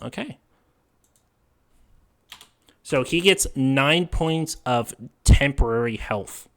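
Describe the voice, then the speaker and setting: A man's voice: mid-range voice, animated, takes it slowly. A man narrating as game master, describing scenes in a loose, meandering way.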